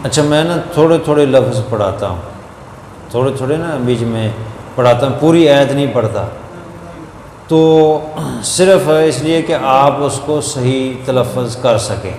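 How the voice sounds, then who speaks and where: A man teaching a Quran reading lesson, explaining grammar step by step and chanting verses slowly. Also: medium pitch, darkish tone, roomy sound, in a large hall, slight background noise.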